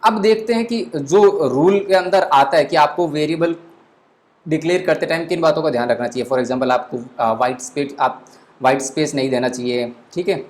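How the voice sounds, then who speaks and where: A man teaching a beginner programming lesson, explaining step by step, mixing English into Hindi, with frequent fillers. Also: medium pitch. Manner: explains step by step, many fillers like 'theek hai'; mixes English phrases into Hindi. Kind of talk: screen-recorded coding lesson.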